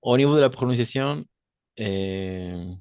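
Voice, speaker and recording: A man's voice: medium pitch, expressive, unhurried, darkish tone, clean tone, no echo, highs cut off. A man who speaks Spanish natively teaches French pronunciation to Spanish speakers, patiently repeating words and checking in with his students. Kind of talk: online language lesson.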